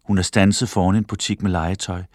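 A man narrating a children's book in an expressive storytelling manner. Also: deep voice, no room sound, clean studio sound. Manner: expressive storytelling, voices the characters. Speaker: audiobook narrator.

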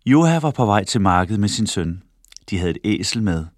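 A man reads a children's story aloud, his pitch rising and falling with lively expression. The sound is dry and close, with no room around him. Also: no echo. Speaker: storybook reader.

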